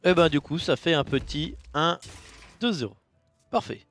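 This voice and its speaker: A man commentates a card game match in a loose, joking way. His voice sits fairly high and swings widely, breaking into loud, excited outbursts at big plays. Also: moderate pace, faint music behind. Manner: excitable, jokey, bursts of loud enthusiasm. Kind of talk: casual esports commentary.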